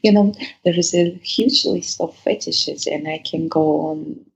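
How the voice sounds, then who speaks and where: A woman with a Russian accent and a husky, gravelly voice, chatting casually as an interview guest. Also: low voice, unhurried, poor audio. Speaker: interview guest, adult content creator.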